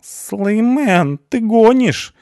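A man reading an audiobook, voicing a young punk who talks in street slang and pleads excitedly. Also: a little high, takes it slowly, no echo, clean studio sound, voice pushed up. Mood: pleading excited.

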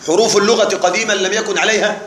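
A man's voice: high-pitched, fairly even intonation, racing, fairly bright tone, reverberant, slight background noise. A man teaching an Arabic grammar lesson to a live class, explaining patiently, repeating key words and checking that the students are following.

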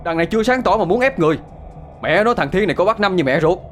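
Figure: young man, hot-headed, defiant. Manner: shouting, cursing, threatening, voice pitched well above the narrator's own, with swooping, lively intonation. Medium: audiobook ghost story, as a man acts it out. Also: very fast, a little hiss or hum. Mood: furious.

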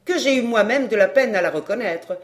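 A woman's voice: fairly high pitch, expressive, fairly quick, lightly acted. A woman voicing a sly young chambermaid and fortune teller who speaks in a coy, simpering way. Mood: coaxing. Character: sly young female chambermaid and card reader.

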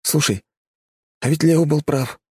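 A man's voice: a little high, slightly rough, no room sound, studio quality, pitched above the performer's own voice. A man voicing an earnest, idealistic young man in an audiobook, speaking eagerly. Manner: eager, fast and lively. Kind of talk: audiobook character voice.

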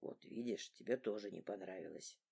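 A woman voicing a weary, injured young father who speaks low and hushed. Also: moderate pace, breathy edge, full character voice.

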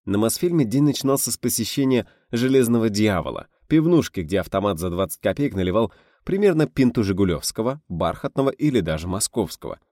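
A man with a low voice narrates an audiobook, his pitch rising and falling with lively storytelling. The recording is close and dry, with no room sound. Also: quick pace, no room sound. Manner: animated storytelling, voicing characters.

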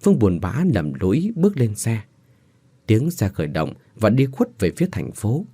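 A man narrating a horror story with an expressive delivery, voicing every character himself. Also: on the low side, normal speed, slightly rough, dry recording, clean studio sound.

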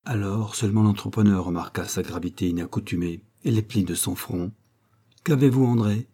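A man reading audiobook narration in a measured, even way. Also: low-pitched, husky.

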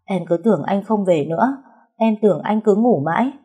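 A woman's voice: mid-range voice, lively intonation, brisk, dark tone, breathy edge. A woman voicing an emotional young pregnant wife, pleading and scolding through tears in an audiobook story. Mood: tearful scolding. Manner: pleading, sobbing reproach. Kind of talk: audiobook character voice.

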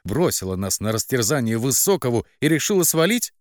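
A man voicing a spiteful, cruel young woman who mocks her sister in a shrill, contemptuous voice. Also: very animated, slow pace, dry recording, studio quality. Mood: scornful.

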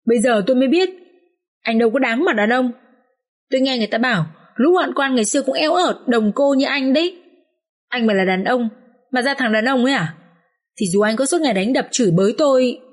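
A woman reading an audiobook story, voicing a bitter, sharp-tongued young wife who scolds her husband with contempt. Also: a little high, expressive, fairly quick. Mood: scornful.

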